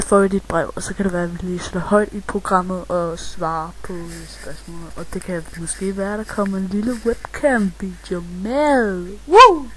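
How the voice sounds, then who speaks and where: A woman's voice: medium pitch, slight background noise, low-quality recording. Playful woman hosting a mock radio show. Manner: giggly, crude, hesitant, with frequent fillers. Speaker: host of a homemade joke radio show.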